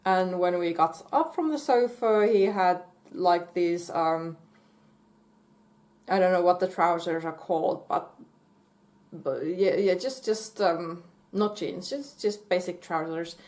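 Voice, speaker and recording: A woman casually telling a personal story in a halting way, full of fillers and restarts and breaking into giggles. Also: on the low side, darkish tone. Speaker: vlogger.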